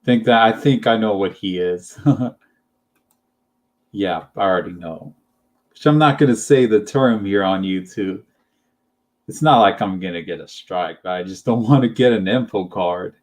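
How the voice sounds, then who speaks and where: A man's voice: fairly low pitch, moderate pace, long pauses. A young man chatting casually as a channel host, rambling and hesitant, full of fillers and little laughs. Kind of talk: casual chat.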